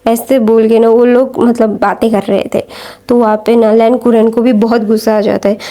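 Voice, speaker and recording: A woman's voice: a little high, mellow. A woman casually retelling a story, rambling along with many fillers and restarts.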